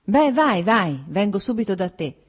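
A woman reading aloud, voicing a fastidious older male intellectual who fusses but is fond of his brother. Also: medium pitch, big pitch swings, slightly rough, voice pushed up. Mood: fussy.

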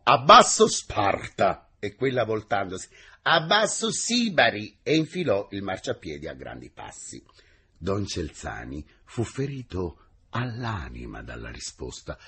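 A man reads a classic novel aloud for radio in a measured storytelling manner. His voice is low and husky, with a wide, expressive melody. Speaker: audiobook reader. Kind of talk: literary reading on radio.

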